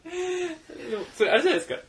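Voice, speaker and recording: A young man co-hosting a casual podcast chat, animated and quick to laugh. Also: extremely high pitch, slight background noise. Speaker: podcast co-host.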